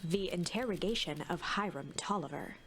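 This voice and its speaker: A woman narrating a video game story in a soft, hushed storybook manner. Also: lowish voice, animated, normal speed, a little hiss or hum. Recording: loud music under voice.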